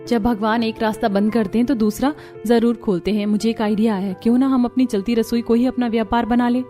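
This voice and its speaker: A woman plays a hopeful young bahu who holds her family together in a cartoon. The voice is fairly high, with music behind it. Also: fairly even intonation, fairly quick, mellow, close to an everyday voice. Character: determined, hopeful young daughter-in-law holding the family together. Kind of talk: cartoon story acting. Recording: music under the voice.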